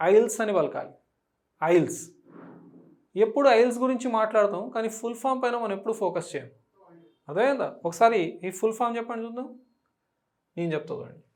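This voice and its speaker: A teacher giving an exam-prep lecture, explaining each point step by step, asking the class questions and reading out English question text slowly. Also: medium pitch.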